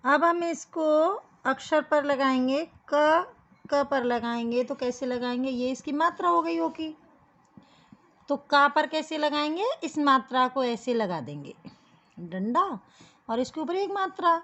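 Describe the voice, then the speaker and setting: A woman's voice: high voice, lively intonation, measured pace, a bit bright. A woman teaching young children a writing lesson, patiently explaining each step and calling them "beta". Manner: patient, addresses kids as beta.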